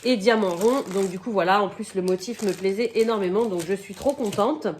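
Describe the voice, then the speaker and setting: A woman's voice: mid-range voice, a little mellow, slight background noise. Chatty woman with a slight cold. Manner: chatty, fills pauses with "donc" and "euh"; coughs and apologizes now and then. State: has a cold, slightly croaky voice. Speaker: crafting vlogger. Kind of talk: casual unboxing chat.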